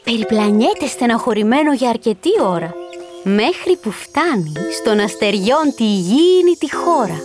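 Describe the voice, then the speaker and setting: A woman narrating a rhyming children's story in an expressive, sing-song way. Her voice is high and full of melody. Soft music plays underneath her.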